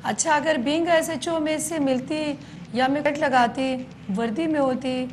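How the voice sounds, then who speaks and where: A woman police station chief giving a news interview, explaining in detail with frequent hesitant pauses. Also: high voice, fairly even intonation, slight background noise.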